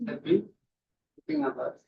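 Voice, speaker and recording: A man teaching an English class, coaxing students slowly and repeating words for them. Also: a little hiss or hum. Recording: echoey room, distant lo-fi mic.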